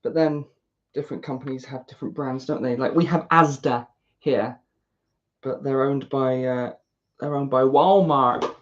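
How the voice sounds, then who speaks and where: A woman's voice: rumbling low, steady tone, moderate pace. Rambling British woman, lo-fi sound. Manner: chatty, self-deprecating, talks to herself. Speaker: YouTuber building a model kit. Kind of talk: casual rambling chat while building. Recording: dull lo-fi recording.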